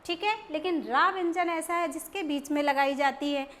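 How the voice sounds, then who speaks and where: A woman teaching young children Hindi letter sounds, stretching out each word slowly so they can repeat it. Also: high voice, fairly bright tone. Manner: slow, drawn-out syllables for children to repeat. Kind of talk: children's Hindi phonics lesson.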